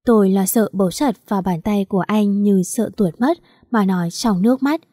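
A woman reads a first-person drama in a warm, mellow voice, taking every part herself. The recording is dry and close, with no room sound. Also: medium pitch, normal speed, no echo. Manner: reads all parts in one voice, with small emotional lifts in dialogue. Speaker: narrator. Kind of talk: first-person audio story reading.

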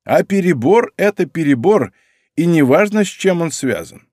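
A man voicing a grumpy, sharp-tongued old noblewoman in an audiobook, grumbling and prickly. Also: fairly high pitch, lively intonation, normal speed, no echo, clean studio sound, pitched above the performer's own voice. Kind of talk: audiobook character reading.

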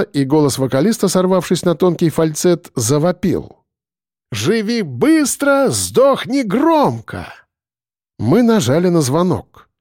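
A man reading a first-person story aloud in a wry, expressive way. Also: fairly high pitch, dry recording, clean studio sound. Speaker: audiobook narrator. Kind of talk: first-person scripted narration.

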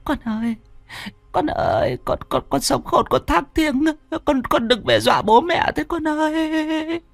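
A frightened old village mother, acted by a woman, her high voice cracking into gravelly fry as she stammers. Her words tumble out in anxious repeats, rising and falling sharply. The sound is dry and close, with faint music under it. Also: big pitch swings, measured pace, no room sound, exaggerated voice. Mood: terrified pleading. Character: terrified elderly village mother. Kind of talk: storytelling role voice.

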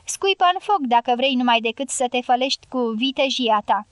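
A woman reading the part of a sharp-tongued, tough guerrilla woman in an audiobook, scolding and brusque. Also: high-pitched, expressive, clean tone, dry recording.

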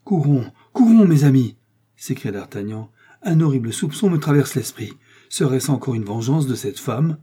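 Ardent young guardsman, voiced by a man; urgent, earnest, husky low tone. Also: expressive, moderate pace, mellow. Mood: alarmed.

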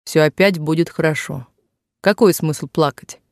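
A man reading the lines of a bruised young man in jail who gently reassures his father, in a dry room. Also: a little high, normal speed, creaky, no echo. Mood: reassuring. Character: young son in jail, bruised, brave and cheerful.

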